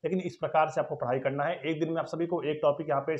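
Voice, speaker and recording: A man giving encouraging exam advice to his viewers, often checking in with a quick "okay". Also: fairly high pitch, fairly even intonation, a little mellow, highs cut off. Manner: encouraging, fills lines with "ठीक है". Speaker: exam coaching YouTuber.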